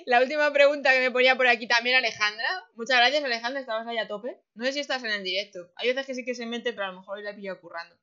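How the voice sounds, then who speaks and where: A woman hosting a casual podcast chat, lively and colloquial, laughing often. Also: a little high, very fast, few pauses, clear, resonant tone, highs cut off. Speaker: host.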